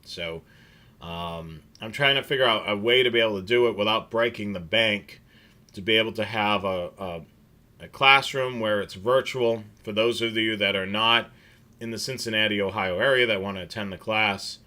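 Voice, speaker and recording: A scanner show host chats casually on a livestream, rambling with many fillers and restarts. His voice is on the low side, pushed and bright, delivered at a normal speed.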